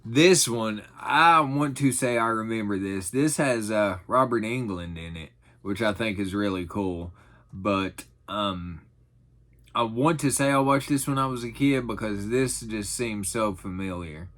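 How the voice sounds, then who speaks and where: A man's voice: on the low side, unhurried, fairly bright tone. A middle-aged man chatting casually in a folksy, rambling, self-deprecating way, as in an unscripted haul video. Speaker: vlogger showing thrift finds.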